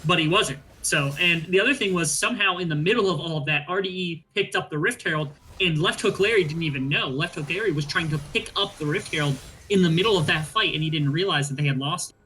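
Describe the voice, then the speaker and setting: A man's voice: a little high, fast, hardly any pauses, pushed and bright, low-quality recording. A man giving color commentary on an esports match, breaking down plays analytically with frequent ums and uhs.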